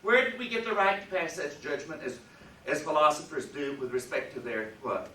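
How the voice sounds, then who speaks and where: A man's voice: on the high side, fairly quick, bright, forceful tone, a little hiss or hum. A man giving a university philosophy lecture, emphatic and leaning hard on key words, recorded from across a lecture room. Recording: roomy lecture hall from far off, faint ambience.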